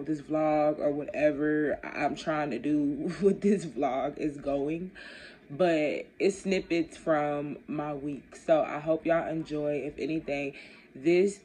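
Recorded on a phone at arm's length, this vlogger lounges in her bedroom, talking to camera in a relaxed, slangy way. She has a low-pitched, dark voice, and a little hiss or hum sits under the recording.

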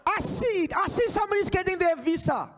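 A man from Namibia preaching a charismatic sermon on a large church stage into a handheld mic, shouting declarations and prophecies while he paces and gestures. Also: very high-pitched, animated, a little fast. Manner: pacing and gesturing energetically. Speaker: pastor. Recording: long hall reverb.

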